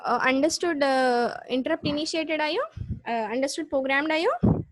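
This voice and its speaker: A woman with a South Indian accent teaching a live online class, explaining step by step with repeats and halting restarts. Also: high voice, no echo. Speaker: computer science lecturer. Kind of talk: live online lesson with check questions.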